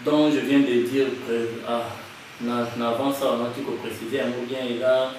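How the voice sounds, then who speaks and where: A young man with a Congolese French accent answers questions in a halting way, restarting often and slipping into Lingala. He sits some distance from the mic in a very echoey room, with faint noise behind. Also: medium pitch, little pitch movement. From Kinshasa, Congo. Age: young adult. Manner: hesitant, many restarts and fillers, mixes in Lingala. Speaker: guest, association president. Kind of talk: interview answers.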